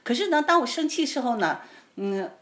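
Animated storytelling woman pastor, roomy sound. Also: sits high, brisk. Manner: animated storytelling, often laughing, mimics quoted voices. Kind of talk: testimony in a casual interview. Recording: roomy echo with faint noise.

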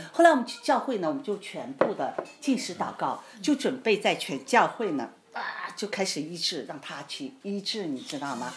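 A woman pastor telling a personal faith story in a casual interview, animated and laughing often as she acts out what people said. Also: on the low side. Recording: roomy echo with faint noise.

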